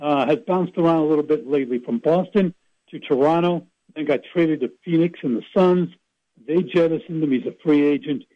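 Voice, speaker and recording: This sports reporter phones in to a radio show and chats casually, wandering into rambling, folksy asides. His voice sits on the high side, and the recording is dry and muffled.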